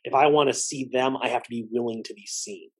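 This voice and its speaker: A man's voice: mid-range voice, steady tone, brisk, slightly rough, poor audio. A man, a chiropractor guest on a podcast, talking in an earnest, reflective way with frequent restarts. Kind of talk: podcast conversation.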